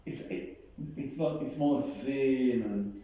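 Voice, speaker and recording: A man coaching a singer on German diction in a masterclass, patient, modelling words slowly and repeating them. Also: on the high side, expressive, warm tone, heavy reverb, a little hiss or hum, low-quality recording.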